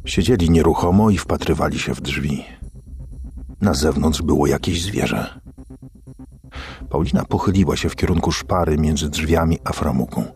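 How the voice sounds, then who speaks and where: Deep-voiced male audiobook narrator. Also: moderate pace, gravelly, pauses often, darkish tone, soft background music. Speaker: audiobook reader. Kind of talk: scripted narration of a thriller.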